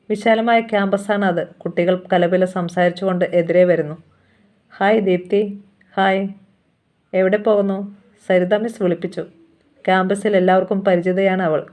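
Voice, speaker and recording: A storyteller from Kerala reading a serialized novel aloud in an even, measured narration. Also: medium pitch. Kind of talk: scripted audiobook narration.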